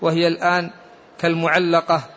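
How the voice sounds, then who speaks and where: A man's voice: on the high side, completely flat delivery, normal speed, a bit bright, lo-fi sound. A man moderating a lecture, reading out submitted questions in a polite, formal way.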